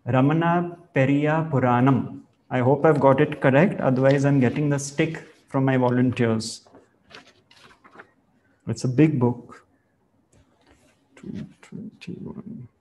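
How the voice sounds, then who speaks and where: Slow, measured male spiritual teacher. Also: mid-range voice, fairly even intonation, darkish tone. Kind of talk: reflective spiritual talk.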